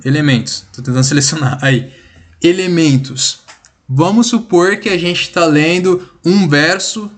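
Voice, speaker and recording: Informal Brazilian teacher, fairly high voice. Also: male voice, a bit bright. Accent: Brazilian Portuguese. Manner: informal, slangy, checks in with "beleza?" constantly. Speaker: literature teacher. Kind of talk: casual online class.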